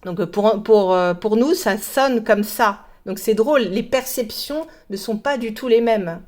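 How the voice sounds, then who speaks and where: A woman from France explaining a cartoon in a casual lesson, pausing often and hesitating between words. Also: fairly high pitch, a little mellow. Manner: hesitant, many pauses and fillers. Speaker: French teacher.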